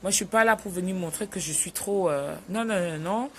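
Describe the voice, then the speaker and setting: A middle-aged woman from Cameroon hosting a casual live stream, chatting warmly with viewers and greeting them by name. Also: fairly low pitch, a little fast, slight background noise. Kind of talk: casual live chat reading viewer comments.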